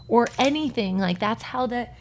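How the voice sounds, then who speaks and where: A woman's voice: on the high side, normal speed, a little hiss or hum. A woman co-hosting a casual podcast, laid-back and amused, with lots of "like" in her talk. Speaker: podcast co-host. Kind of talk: casual chat.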